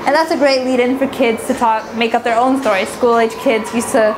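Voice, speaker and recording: A woman's voice: a little high, fairly even intonation, fairly quick, noisy background. A young woman in her twenties, a science centre educator, explaining a cave exhibit to the camera in an upbeat, inviting way. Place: dim indoor cave exhibit.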